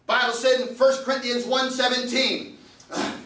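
High-pitched preacher at a pulpit microphone. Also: male voice, little pitch movement, moderate pace, reverberant, recorded from a distance. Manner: quoting scripture in King James wording, rising into shouts. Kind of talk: fiery revival sermon.

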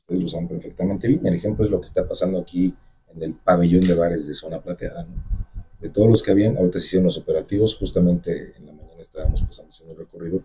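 Deep, dark-voiced Mexican man. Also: rapid-fire, slightly rough. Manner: emphatic, campaign-speech delivery. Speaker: mayoral candidate. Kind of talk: radio interview answers. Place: radio studio. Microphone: desk microphone on stand.

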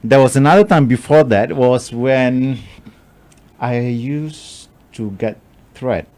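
A man's voice: medium pitch, slow, a little mellow. A middle-aged man from Malaysia as a radio guest, talking thoughtfully with many restarts into a studio microphone. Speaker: guest, media executive. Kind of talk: radio interview. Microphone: studio microphone on boom.

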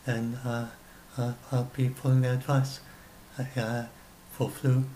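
Speaking unhurriedly in a warm, medium-pitched voice with a level tone, a man in his sixties offers casual solo commentary on his notes. He is a science blogger in a small room at home, rambling and self-correcting into his desk webcam. Audio quality is poor, with slight background noise.

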